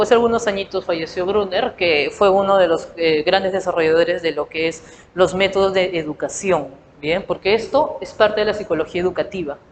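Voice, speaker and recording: A woman teacher lecturing on psychology. She speaks with a Peruvian Spanish accent and explains through rhetorical questions and acted everyday examples. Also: mid-range voice. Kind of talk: recorded lecture. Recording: reverberant room with faint noise.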